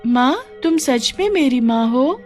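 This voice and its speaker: A woman voicing a young girl in a cartoon story, with a high childlike pleading voice. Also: lively intonation, a little slow, darkish tone, faint music behind. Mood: tearful. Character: young girl, grieving and loving daughter.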